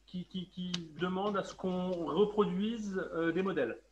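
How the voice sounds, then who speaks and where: A man co-presenting on a webinar, halting and repeating words over a video call. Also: high voice, fairly even intonation. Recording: dull lo-fi line with faint noise.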